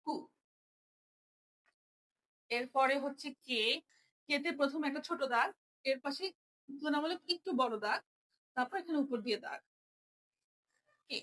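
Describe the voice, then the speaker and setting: A young woman with a very high, bright voice teaches a step-by-step writing lesson. She talks patiently and repeats each sound so learners can follow. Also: a little slow, long pauses. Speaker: Japanese language teacher.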